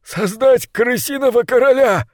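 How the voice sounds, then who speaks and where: Cowardly ratcatcher, stammering, blubbering, pitched up high, as a male reader puts him on. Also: lively intonation, unhurried, no echo, studio quality. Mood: wailing panic.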